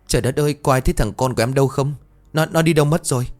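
A man's voice: medium pitch, expressive, a little fast, soft background music, pitched above the performer's own voice, natural voice. A man voicing a frantic middle-aged village woman who pleads and wails for help finding her son. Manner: wailing, pleading.

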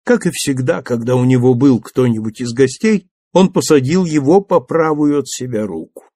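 Male narrator reading a classic novel, husky gravelly voice, dry close sound. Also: mid-range voice, no echo. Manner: even, measured storytelling. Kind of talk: audiobook narration.

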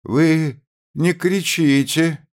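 A man's voice: medium pitch, very animated, drawn-out words, warm tone, voice pushed up. A man voicing an aging mother, fierce and grieving, who cries out and pleads in a raised voice. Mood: indignant, pleading.

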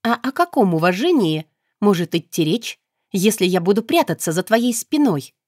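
A brash young heroine, voiced by a woman reader, talks bluntly and with a mocking edge. Her voice sits higher and brighter than the narration, on a dry close mic. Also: very animated, normal speed, dry recording. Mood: indignant. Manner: blunt, teasing, matter-of-fact. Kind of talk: audiobook character voice.

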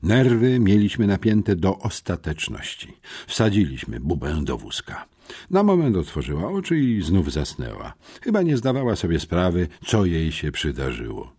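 Deep husky male audiobook narrator. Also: moderate pace. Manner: expressive, animated. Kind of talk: audiobook reading.

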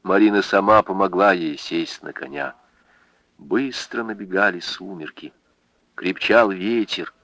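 A low-pitched man reads a novel aloud with dramatic, emotive phrasing. His voice stays close to the mic in a dry, dead room. The delivery is measured and intense. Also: a bit bright, dry recording, rough recording. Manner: dramatic, emotive reading with big swings. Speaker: audiobook narrator. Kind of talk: expressive literary narration.

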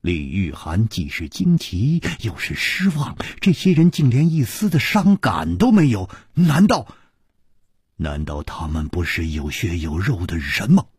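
A man narrating a martial arts novel as a storyteller, dramatic and swinging between loud and hushed. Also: sits low, big pitch swings, measured pace, husky, no echo, clean studio sound.

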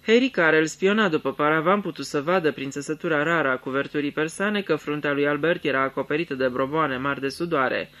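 A man narrating a detective story in a measured storytelling voice. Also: a little high, sharp tone. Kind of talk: dramatic reading of a detective story.

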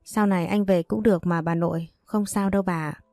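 A woman's voice: lowish voice, steady tone, brisk, mellow, no room sound, clean studio sound, faint music behind, lightly acted. A woman voicing a caring, protective young husband in a read-aloud storybook. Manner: caring, coaxing.

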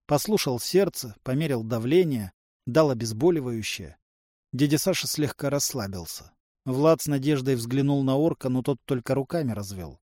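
A man's voice: animated, normal speed, warm tone, no echo. Man narrating an audiobook, dry studio. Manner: voices characters by raising pitch. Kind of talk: scripted narration.

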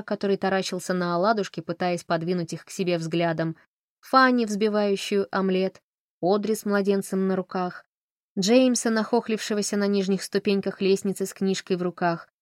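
A woman narrating an audiobook in an even, measured storytelling manner, close to the mic. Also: medium pitch, no echo. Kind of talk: scripted narration.

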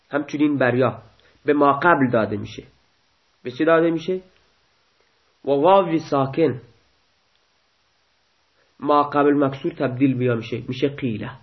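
Male teacher, fairly high voice, methodical, repeats forms slowly, dull lo-fi recording. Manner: explains step by step, repeats verb forms slowly. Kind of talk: recorded Arabic grammar lesson.

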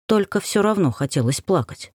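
Expressive woman reading a novel aloud. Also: medium pitch, moderate pace, husky, no echo, studio quality. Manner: expressive, emotional storytelling. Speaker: audiobook narrator. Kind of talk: first-person novel narration.

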